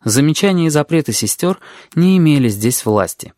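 An audiobook narrator giving a steady storytelling read. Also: mid-range voice, normal speed, no echo, clean studio sound. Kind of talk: scripted narration.

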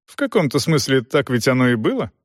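A man reading an audiobook, voicing an excitable young man who protests hotly and is proud of his mustache. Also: medium pitch, a little fast, dry recording, studio quality. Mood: scheming.

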